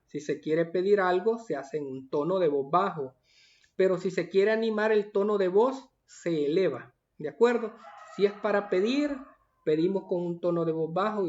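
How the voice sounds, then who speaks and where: High-voiced teacher, patient and methodical. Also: male voice, darkish tone, dull audio. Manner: patient, methodical, reads items aloud then explains. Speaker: primary school teacher. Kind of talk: explaining a worksheet to pupils.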